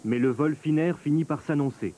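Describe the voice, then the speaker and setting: Mellow male documentary narrator. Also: fairly high pitch. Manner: measured, explanatory. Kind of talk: scripted explanatory narration.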